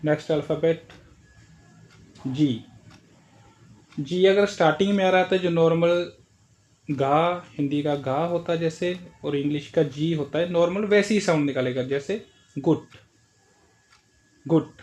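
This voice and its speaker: A man's voice: a little high, a little slow, long pauses, darkish tone. A man teaching German pronunciation in Hindi, explaining letter by letter and repeating each example word several times. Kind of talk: language lesson explaining pronunciation.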